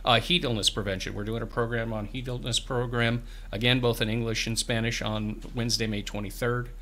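A farm bureau representative in his fifties, guesting in a small radio studio, earnestly explains programs and often restarts his words. His medium-pitched voice is flat, fairly quick and sharp, captured on a boom-arm studio mic with headphones amid slight background noise.

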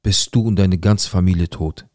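A man voicing his agitated middle-aged father, loud and shouting as he retells the scene. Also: deep voice, steady tone, normal speed, no room sound, clean studio sound, close to an everyday voice. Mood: furious threatening. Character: enraged middle-aged father under pressure.

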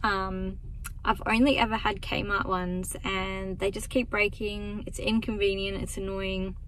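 A woman in her thirties talks casually straight to her viewers, relaxed and chatty as she narrates her day. Her voice sits at an ordinary middle pitch. The camera is held at arm's length, with faint background noise. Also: a little slow, poor audio. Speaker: lifestyle vlogger. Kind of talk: casual vlog chat to camera. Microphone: handheld camera at arm's length.

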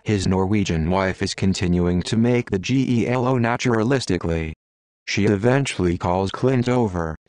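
Male audiobook narrator, lowish voice, deadpan delivery, dry close sound. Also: moderate pace, no echo.

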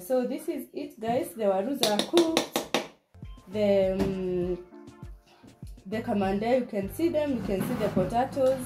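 This Kenyan cooking vlogger, whose voice sits on the high side, speaks with a Kenyan accent as she casually demonstrates a dish in her home kitchen, mixing in Swahili. The recording is low quality, with loud music under her voice.

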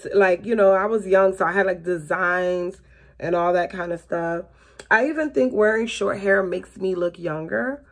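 A woman in her late thirties with a Southern Florida accent talks at a moderate pace in a mid-range voice. She's a beauty vlogger doing her makeup in a small bedroom for a casual get-ready-with-me video, rambling, laughing often and calling her viewers "you guys." The camera sits close in front of her.

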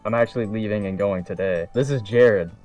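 A man's voice: fairly low pitch, fairly quick, a little mellow. A man making casual prank calls as a co-host, speaking in a hesitant, apologetic put-on manner from a room at home. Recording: distant, dull mic, faint music.

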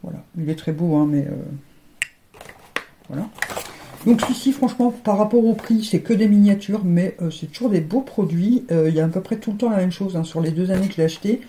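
A woman's voice: on the low side, fairly quick, warm tone, a little hiss or hum. A woman vlogger chatting casually while unboxing, often stumbling and repeating words. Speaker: beauty vlogger. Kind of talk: casual chat unboxing advent calendars.

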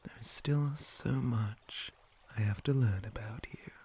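This is a man performing a male spider monster for ASMR roleplay, possessive and menacing, in a mid-range voice. His formal delivery is slow, breathy, frequently whispered and gently taunting, and the mood comes across as cold and possessive.

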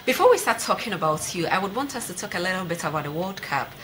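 A TV sports show host in her thirties with a Ghanaian accent conducts an interview from a desk in the studio. Her lowish voice is sing-song, quick and fairly bright. The studio recording is clearly noisy.

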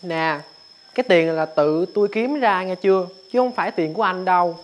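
A woman's voice: fairly low pitch, moderate pace, lightly acted. A woman with a Southern Vietnamese accent playing a cocky, boastful young sibling, retorting with mock exasperation. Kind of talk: rural family TV drama.

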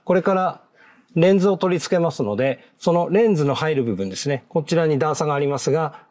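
A man giving a polite, measured, step-by-step how-to narration on fitting car parts, marking each step with a short "hai". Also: on the high side, a little mellow, a little hiss or hum. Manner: polite, measured, repeats "hai" between steps. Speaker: product installation instructor.

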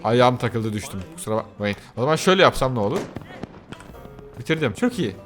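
A young man giving casual commentary on a game he plays, excitable and often breaking into shrieking outbursts. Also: medium pitch, fairly quick, over music. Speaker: gaming YouTuber. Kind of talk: casual Let's Play commentary.

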